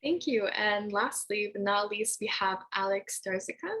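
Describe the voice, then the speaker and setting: A woman's voice: mid-range voice, expressive, moderate pace, a bit bright, low-quality recording. A woman moderating an online panel webinar over a video call, friendly and laughing between phrases.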